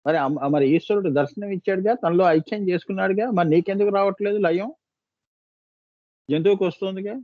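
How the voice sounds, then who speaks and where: A man teaches a devotional discourse in a high voice, turning often to his listeners with coaxing, scolding questions. The sound is close and dry, slightly dull and lo-fi. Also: steady tone, quick pace, dry recording. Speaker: spiritual teacher.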